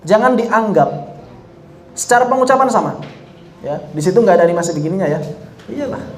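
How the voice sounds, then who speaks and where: A man teaching Quran recitation rules, explaining each rule and then slowly demonstrating phrases for students to repeat, correcting common mistakes. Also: high-pitched, expressive, reverberant, a little hiss or hum. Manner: drills slow example phrases for students to repeat. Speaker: tajwid teacher.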